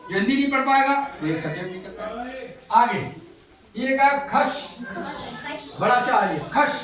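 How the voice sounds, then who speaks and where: A man's voice: very high-pitched, moderate pace, a bit bright, far from the mic. Male teacher quizzing a class, echoey. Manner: quizzes the class, repeats answers back. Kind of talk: classroom lesson.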